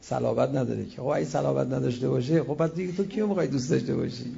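A man preaching a sermon, telling stories and shifting between loud exclamations and quiet asides. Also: medium pitch, creaky, muffled recording. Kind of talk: religious sermon with storytelling.

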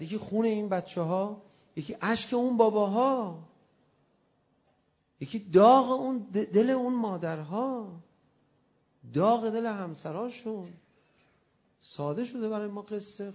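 A male preacher giving a religious sermon to a congregation, moving from hushed, tender storytelling to loud, impassioned cries. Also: high-pitched. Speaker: preacher reciting a mourning lament.

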